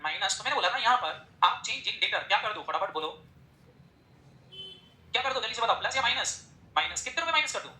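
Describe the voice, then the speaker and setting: A male accounting teacher delivers a classroom lecture at a brisk clip, constantly drilling his students with rapid-fire questions. His voice comes across bright and forceful, and the recording carries noticeable room echo. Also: high-pitched, lively intonation. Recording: echoey room.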